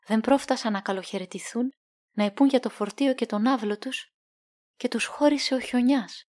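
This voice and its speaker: A woman narrating a literary audiobook in a measured, calm reading. Her voice sits fairly high, and the recording is dry and close with no room echo.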